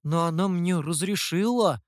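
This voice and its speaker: A man's voice: high-pitched, a little slow, dry recording, clean studio sound. A man voicing a naive, honest young male scribe who asks earnest questions in a storybook reading. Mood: curious.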